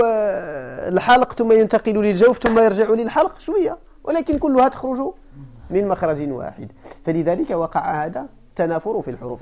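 A woman's voice: fairly high pitch, darkish tone. A woman with a Moroccan accent teaching a class, repeating each point and asking rhetorical questions. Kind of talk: classroom lecture on classical texts.

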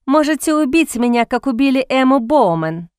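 A woman's voice: fairly high pitch, big pitch swings, unhurried, no echo, clean studio sound. Woman voicing a defiant young heroine. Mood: scornful. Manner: defiant, hissing.

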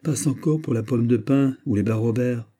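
A man's voice: mid-range voice, moderate pace, dark tone, voice pushed up, natural voice. A man voicing Fouquet, a proud nobleman. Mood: astonished. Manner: commanding, indignant. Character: proud, impassioned male nobleman, a finance minister.

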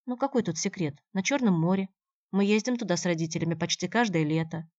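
A woman voicing a quick-tempered young girl who speaks in an indignant, emphatic way, in a dull, dry recording. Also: on the low side, a little mellow, dry recording, lightly acted. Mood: insistent.

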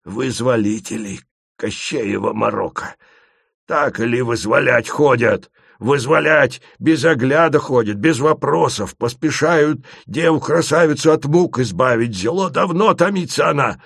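Guy doing a jumpy guide talking old folk-tale speech, kinda high and thin. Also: a little slow, gravelly, a bit bright, slightly rough, no echo, clean studio sound, full character voice. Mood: annoyed. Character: timid archaic-speaking male guide.

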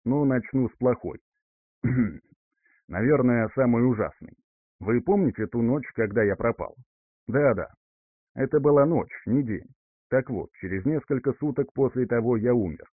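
A male reader voicing a composed young man calmly breaking news to his parents, recorded dry with a narrow, phone-like sound. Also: medium pitch, normal speed, pauses often, no echo, lightly acted. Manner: composed, level-headed. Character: calm reborn young man returning home.

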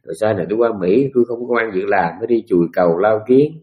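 A man's voice: on the low side, rapid-fire, phone-quality sound, close to an everyday voice. A man playing a dying elderly husband who insistently retells his hardships to his wife. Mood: pleading.

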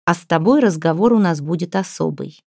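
A woman's voice: fairly low pitch, lively intonation, fairly quick, vocal fry, darkish tone, no room sound, clean studio sound. Woman doing a stern young healer woman. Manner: stern, firm, commanding.

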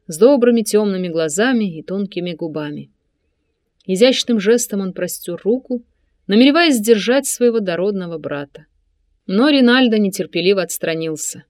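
A woman reading a novel aloud as narrator, voicing the characters' dialogue with raised pitch and volume. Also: no room sound, clean studio sound. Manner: lifts pitch and volume for quoted speech, drops low for narration tags. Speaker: audiobook narrator. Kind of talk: scripted narration with voiced dialogue.

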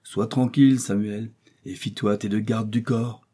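A man voicing a steady male hunter who reassures his friend in an audiobook. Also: lowish voice, normal speed, breathy edge.

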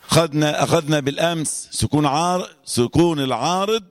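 An Egyptian-accented man leads a recitation class in a lively, questioning manner, his voice sitting a little high. He stretches out verses to show the rules, and a long hall reverb trails each phrase. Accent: Egyptian Arabic. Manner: animated, quizzes students, chants verses slowly. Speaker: Quran recitation teacher. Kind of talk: classroom lesson on tajweed.

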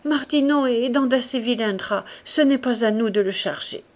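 A woman's voice: fairly high pitch, normal speed, pitched above the performer's own voice, natural voice. A woman reading the lines of an anxious, tearful former hotel keeper in an audiobook, in a pleading, distressed voice.

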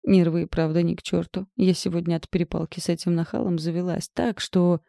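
A woman's voice: fairly low pitch, flat delivery, brisk, vocal fry, dark tone, dry recording, clean studio sound. A woman voicing Galya, a frazzled young office worker who whines and complains to her friend. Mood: whiny. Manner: whiny, complaining.

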